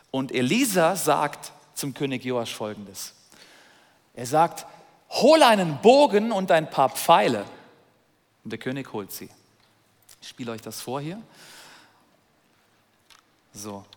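A man preaching a sermon, retelling a scripture story with lively asides, in a large church hall. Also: mid-range voice, unhurried, pauses often. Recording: long reverb of a large hall.

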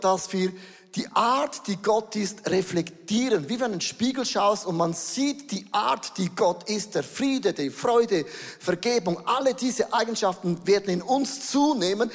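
A high-voiced middle-aged man preaching a sermon to a congregation. He races through asides, then slows right down to lean on single words. His voice rings out with a long reverb tail, as in a church hall. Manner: lively preaching, shifts between quick asides and slow stressed words. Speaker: pastor.

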